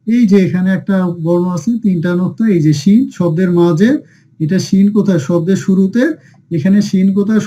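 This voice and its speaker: A man with a high, mellow voice leads a Quran reading lesson. He quizzes the class, supplies the answers himself, and has everyone repeat the letter names with him. The recording sounds dull and lo-fi. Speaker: Quran teacher.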